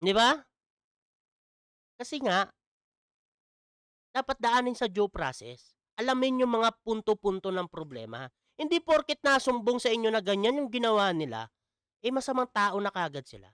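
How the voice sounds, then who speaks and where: A man's voice: sits high, big pitch swings, normal speed, long pauses, fairly bright tone, clear, resonant tone, no echo, studio quality. A man commenting in a casual vlog, mocking and asking "di ba?" again and again. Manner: mocking, repeats "di ba?". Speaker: vlogger.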